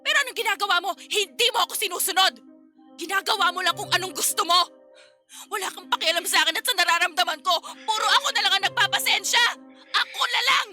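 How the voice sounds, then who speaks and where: A woman's voice: very high-pitched, fast, bright, forceful tone, soft background music, exaggerated voice. A woman playing a tired working wife in a radio drama, scolding in a stream of exasperated complaints. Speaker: lead character in a radio drama.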